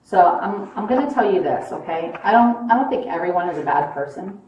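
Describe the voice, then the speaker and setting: A woman police officer questioning a suspect in a measured, persistent, probing way. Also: on the low side, animated, a little mellow, muffled recording. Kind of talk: interrogation, calm questioning. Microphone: police bodycam. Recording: echoey, distant body camera audio with noise.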